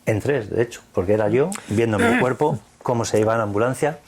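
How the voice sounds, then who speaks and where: A man's voice: medium pitch, expressive, fast, a little mellow. A man from Spain with a Spanish accent, recounting a personal experience in earnest, vivid detail, quoting the dialogue. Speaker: interview guest.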